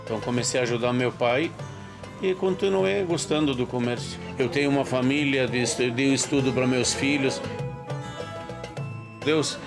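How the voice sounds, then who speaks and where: Older Palestinian-born man, calm and reflective. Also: mid-range voice, normal speed, vocal fry, music in the background. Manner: calm, reflective and plain-spoken. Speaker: shop owner. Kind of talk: documentary interview. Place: his shop and home, indoors.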